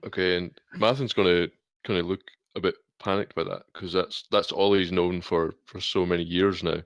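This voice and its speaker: Low-voiced man player. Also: steady tone, normal speed, no echo. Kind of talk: casual tabletop role-play.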